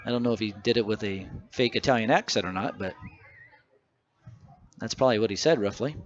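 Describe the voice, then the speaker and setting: A man announcing a baseball game play-by-play, reading stats and scores between pitches in a conversational way. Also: fairly quick, muffled recording. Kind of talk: radio baseball commentary.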